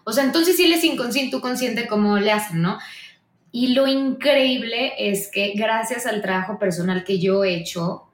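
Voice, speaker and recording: A woman's voice: a little high, moderate pace, reverberant. A woman with a Mexican accent, a podcast guest telling stories in casual conversation and acting out her own dialogue.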